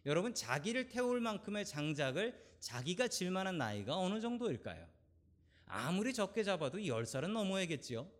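A man's voice: sits high, big pitch swings, a little fast. A man in his forties, a pastor delivering a sermon, questioning the congregation directly and building emphasis.

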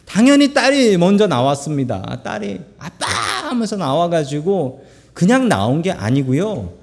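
A middle-aged man preaching a sermon, telling stories with humorous asides in an animated way, recorded in a church sanctuary. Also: fairly high pitch, moderate pace, gravelly. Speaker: pastor. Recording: long church hall reverb.

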